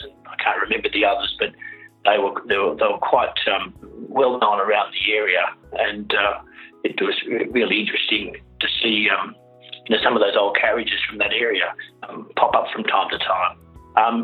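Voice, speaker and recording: An Australian man explaining things informally as an interview guest, halting and often repeating his words. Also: fairly low pitch. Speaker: interview guest, carriage driver. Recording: dull lo-fi radio-like audio.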